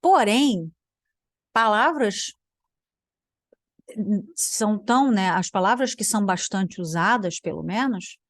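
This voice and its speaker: A woman's voice: mid-range voice, expressive, slow, pauses often, no echo, clean studio sound. A young Brazilian woman, a language teacher, giving sarcastic reaction commentary while thinking aloud and trailing off into mutters. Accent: Brazilian Portuguese.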